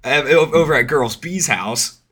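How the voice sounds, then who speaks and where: Bright, forceful young frat-bro guy. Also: a little high, animated, slightly rough. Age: young adult. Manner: frat-bro slangy drawn-out party talk, swearing. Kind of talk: casual chat, storytelling. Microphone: headset.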